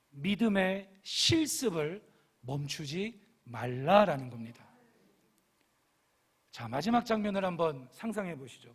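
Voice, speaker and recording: Man, middle-aged pastor, church sermon, animated preaching, voice a little on the high side. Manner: animated, acts out playful voices of the figures in the story. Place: church sanctuary.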